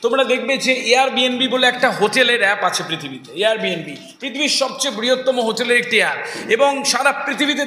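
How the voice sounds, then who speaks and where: Male speaker on stage, bright tone, long hall reverb. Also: extremely high pitch, a little hiss or hum. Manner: lively, mixes English phrases, rhetorical questions. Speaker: motivational speaker. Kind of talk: motivational speech to students. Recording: echoey hall with faint ambience.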